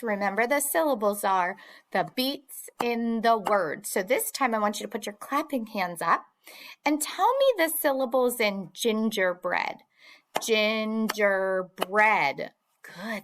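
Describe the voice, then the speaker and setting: A woman teaching a phonics lesson to young children, sounding out words slowly and clearly. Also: fairly high pitch. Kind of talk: early-years phonics lesson.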